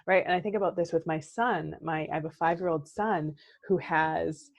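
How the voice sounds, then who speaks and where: A woman's voice: low-pitched, fairly even intonation, moderate pace, gravelly. A woman therapist and coach in her thirties, talking earnestly and reflectively as a podcast guest, often checking in with "right?". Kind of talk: casual podcast conversation.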